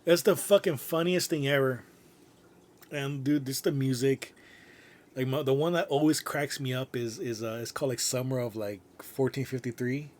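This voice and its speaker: Excitable man casually chatting on a podcast. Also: mid-range voice, moderate pace. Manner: loose and excitable, heavy on "like" and "dude"; swears freely. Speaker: podcast co-host. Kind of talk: casual chat.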